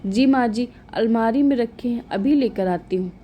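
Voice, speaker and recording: A woman's voice: fairly high pitch, moderate pace, highs cut off, a little hiss or hum, natural voice. A woman voicing a meek, dutiful young daughter-in-law in a storybook tale, polite and respectful.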